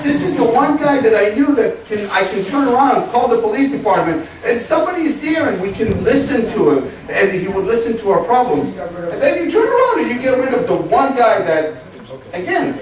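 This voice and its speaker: Indignant high-pitched man in an echoey hall. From grew up in Texas. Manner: indignant, emphatic, asks pointed questions. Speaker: resident speaking at a town meeting. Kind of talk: public comment at a town meeting. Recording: echoey hall from far off, faint noise.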